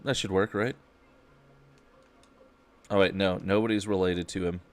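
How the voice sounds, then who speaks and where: Low-voiced man muttering over gameplay. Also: steady tone, measured pace. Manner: offhand, muttering to himself. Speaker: gaming streamer. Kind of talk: casual gameplay commentary.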